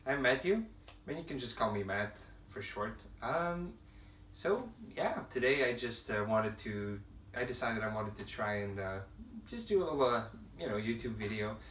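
A young Quebecer whose first language is French talks casually to camera as a channel host, filling gaps and restarting as he searches for words. His mid-range voice is expressive, at normal speed and a bit bright. He's in a room at home lined with shelves of films and games, captured by a distant camera with roomy sound and faint hiss.

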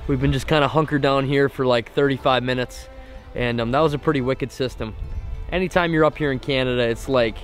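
A young man vlogging about his fishing trip outdoors, talking casually and excitedly into a camera held at arm's length. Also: medium pitch, brisk, soft background music. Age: young adult. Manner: excited, chatty, lots of "like" and "literally". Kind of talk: casual vlog narration. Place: outdoors on a boat on a lake. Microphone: action camera at arm's length.

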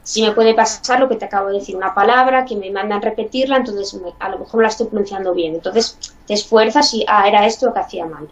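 A woman's voice: mid-range voice, fast talker. Spanish woman guest on a distant, dull mic. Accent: Spanish from Spain. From Spain. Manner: chatty, thinks aloud with "mm" and "pues". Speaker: guest, bilingual parent. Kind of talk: casual interview.

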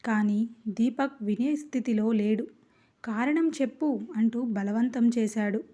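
A woman narrating a first-person life story in a steady, earnest storytelling manner. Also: a little high, a little slow, muffled recording.

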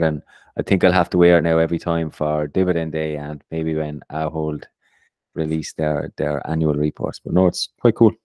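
Male host, very low register, easygoing chat with restarts, dry. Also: no room sound. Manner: relaxed, often repeats his first words. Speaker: podcast host. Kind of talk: casual investing chat.

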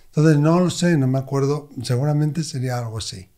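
A man, a medium, telling expressive stories as an interview guest. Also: on the high side, a little fast. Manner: expressive, animated anecdotes. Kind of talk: conversational storytelling.

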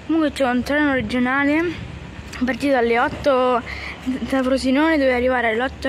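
A woman giving casual, halting vlog commentary on a phone at an outdoor railway station, often trailing off. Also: on the high side, noisy background. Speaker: train-spotting vlogger. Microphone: handheld phone, speaker off camera.

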